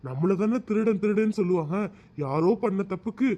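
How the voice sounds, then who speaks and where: A man voicing an angry, protective middle-aged village father in a cartoon, loud and scolding. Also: high voice, expressive, brisk, muffled recording. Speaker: father of the bride.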